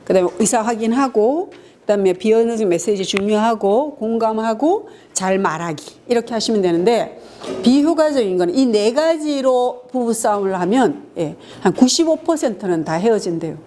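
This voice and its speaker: A middle-aged woman lectures in a hall, her voice mellow and warm. She acts out spats between spouses in exaggerated mock voices and punctuates her points with brief affirmations. A faint hiss of noise sits under the recording. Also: on the high side, animated, moderate pace. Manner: acts out quarrels in mock voices, frequent "예" fillers. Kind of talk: lively lecture on couples' communication.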